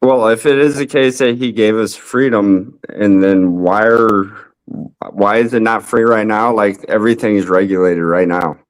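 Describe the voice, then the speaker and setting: A man's voice: lowish voice, steady tone, normal speed, low-quality recording. A man in a casual online debate who hedges and restarts as he reasons aloud. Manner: hesitant, hedging.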